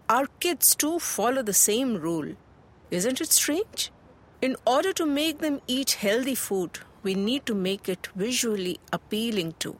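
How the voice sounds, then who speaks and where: A woman's voice: high-pitched, full character voice. A woman with an Indian accent playing a helpful, health-conscious mother in a scripted chat, instructive and mixing Hindi into English. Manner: chatty, instructive, Hindi-English code-switching. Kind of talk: scripted conversational dialogue. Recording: music bed under the voice.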